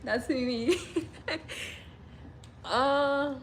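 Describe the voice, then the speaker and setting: A young livestream host from Illinois in the US Midwest chats casually with viewers and reads their comments, giggling often and saying "like" a lot. Her voice is high and extremely slow, with slight background noise.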